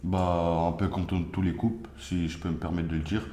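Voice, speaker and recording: A man's voice: low voice, little pitch movement, moderate pace, mellow, roomy sound, natural voice. A man playing a young husband questioned by the gendarmes, hesitant and full of fillers. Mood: defensive. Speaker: suspect. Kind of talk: amateur acted interrogation.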